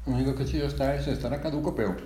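A man telling an improvised children's story at home, switching into high voices for the little characters. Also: steady tone, racing, roomy sound, noisy background. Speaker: father telling a bedtime-style story.

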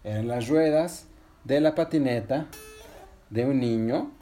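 A woman telling a children's story in an animated way, switching into voices for the characters. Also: extremely low pitch, unhurried, soft background music.

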